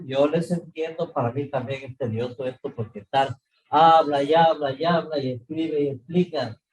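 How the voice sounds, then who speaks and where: A middle-aged man teaching a class over a video call, explaining slowly, repeating points and checking often that students follow. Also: mid-range voice, husky, rough recording. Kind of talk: online class lecture.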